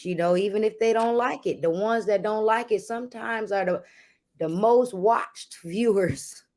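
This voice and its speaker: A woman's voice: medium pitch, measured pace, darkish tone. A woman co-hosting a livestream, talking casually in a motivational way. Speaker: livestream co-host, content creator.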